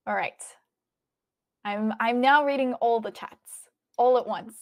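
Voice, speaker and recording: Casting: female livestream host, Australian accent, slightly high voice, informal off-the-cuff chat. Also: measured pace. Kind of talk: casual livestream chat, reading and answering viewer messages.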